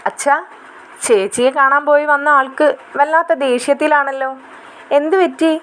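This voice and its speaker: A woman voices a pestering teenage younger sister in a retold family drama. She keeps pushing with prying, teasing questions in a lifted, high voice. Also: fairly even intonation, normal speed, fairly bright tone.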